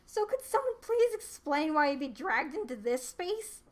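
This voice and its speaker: A woman's voice: high-pitched, big pitch swings, normal speed, pitched above the performer's own voice. A woman playing an exasperated, dramatic man trapped in a fantasy world, in a novel read-aloud. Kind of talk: voiced character in web novel read-aloud.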